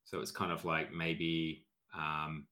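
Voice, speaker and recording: A man with a low voice joins a relaxed reading-group chat. He feels his way through his points, restarting and hedging as he goes. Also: takes it slowly. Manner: tentative, restarts often. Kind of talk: casual book discussion.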